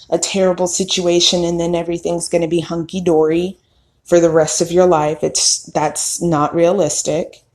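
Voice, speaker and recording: A woman in her thirties, a podcast host, telling her own story in a slow, candid and reflective way. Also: lowish voice. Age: 30s. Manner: slow, reflective, candid with occasional soft laughs. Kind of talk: personal storytelling monologue.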